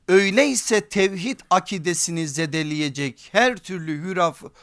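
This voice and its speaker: A man's voice: sits high, pushed and bright. A man preaching a sermon from a pulpit microphone, emphatic, repeating his points and checking with rhetorical questions.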